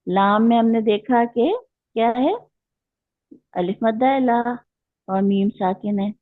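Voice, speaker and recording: Female recitation teacher, unhurried and methodical, quizzes the class; thin phone-quality audio, no room sound. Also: on the high side, no echo. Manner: patient, explaining step by step with questions to students. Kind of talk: online class lecture. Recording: tinny phone-like line.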